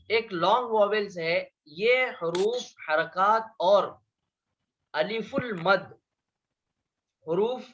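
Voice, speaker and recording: A man's voice: sits high, fairly bright tone, lo-fi sound. A man teaching a beginners' Arabic class, explaining patiently, repeating points and asking his students questions. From India. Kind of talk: beginner language lesson.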